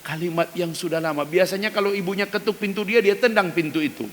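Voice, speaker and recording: A man preaching an emphatic dawn sermon in a mosque, speaking directly to the men of the congregation. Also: quick pace. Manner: acts out quoted prayers in loud, high cries. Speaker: ustadz preacher. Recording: reverberant mosque hall with faint hiss.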